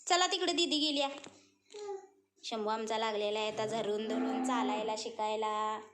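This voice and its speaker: A young woman from Maharashtra, a mother filming her baby near the cows, cooing at him in high sing-song baby talk and murmuring plainer asides to her viewers. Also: normal speed, a bit bright, soft background music. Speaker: vlogger mother. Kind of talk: home vlog talking to her baby and viewers. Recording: noisy home phone recording.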